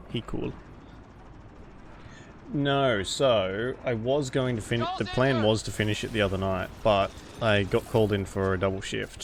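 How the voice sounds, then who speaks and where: A low-voiced man chats through a game on a live stream. His speech is creaky and gravelly, wandering and stopping as he goes, with casual swearing. There is clear noise behind him. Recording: clearly noisy home stream recording. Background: background noise, cat scratching at door.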